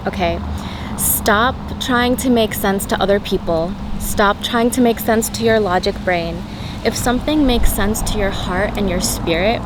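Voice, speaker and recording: A woman's voice: medium pitch, background noise. A woman raised in Turkey and the US, giving an earnest spiritual talk as a healer and vlogger, often checking in with "okay?".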